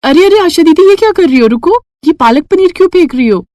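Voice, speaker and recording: A woman's voice: a little high, expressive, a little fast, no echo, close to an everyday voice. Woman doing an earnest young bride. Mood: cheerful. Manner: bright, earnest and firm. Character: gentle young new bride, principled.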